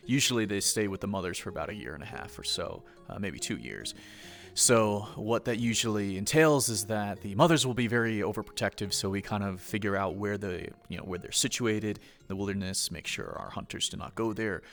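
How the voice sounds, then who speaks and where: A man playing a calm academy professor. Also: lowish voice, gravelly. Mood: informative. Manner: measured, unhurried explaining. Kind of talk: in-character role-play.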